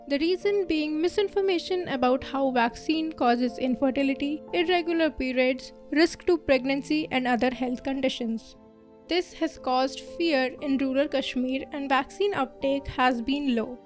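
A woman presenting a podcast and putting questions to a guest as interviewer. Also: high voice.

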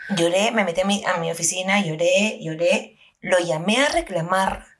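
A woman's voice: lowish voice, normal speed. A woman, telling a story in casual chat and swearing freely. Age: 30s.

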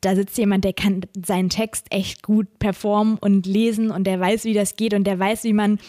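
A woman's voice: mid-range voice, level tone, normal speed, mellow, dry recording, clean studio sound. A female podcast host chatting enthusiastically in her kitchen. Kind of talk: casual chat.

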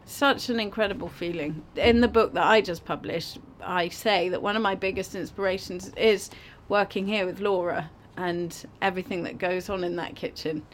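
A woman's voice: fairly low pitch, fairly even intonation, normal speed, hardly any pauses, a little hiss or hum. A woman who is a head chef, talking enthusiastically about her kitchen and its food in a casual conversation.

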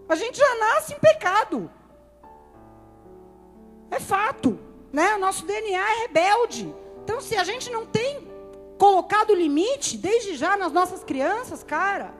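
A woman's voice: extremely high pitch, long reverb tail. A woman pastor giving a sermon in a chatty, conversational way, often acting out the people she quotes.

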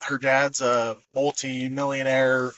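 A man's voice: mid-range voice, flat delivery, slow pace, fairly bright tone, no room sound, highs cut off. A man hosting a podcast in casual chat, rambling with many fillers and acting out movie quotes. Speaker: podcast host.

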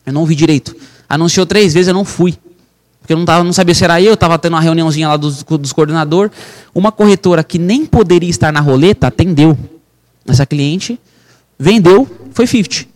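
A man's voice: a little high, quick pace, a little mellow. Fervent São man telling his story. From Brazil. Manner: intense, fervent, calls listener "irmão". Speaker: real estate broker, podcast guest. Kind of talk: emotional personal storytelling.

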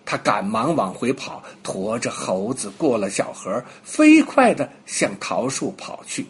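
An older man telling a bedtime story to children in a gentle, animated storytelling manner. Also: medium pitch, measured pace, breathy edge.

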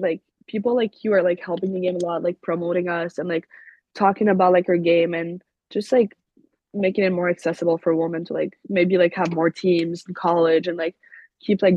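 A young adult woman from Quebec, a native French speaker with a Québécois accent, guests on an interview as a college hockey player and answers casually, leaning heavily on "like". Her fairly low voice is flat and a little fast, and the recording is dry, dull and lo-fi.

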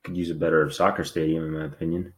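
Low-voiced man with dry quips. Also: level tone, fast talker. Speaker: podcast co-host. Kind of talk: casual chat.

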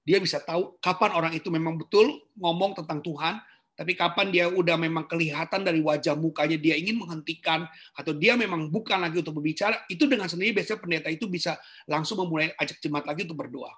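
A man preaching a sermon to his congregation, dropping into low asides and rising into emphatic bursts. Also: fast, a bit bright. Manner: addresses congregation as "saudara", swings between low asides and high emphatic bursts. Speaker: pastor.

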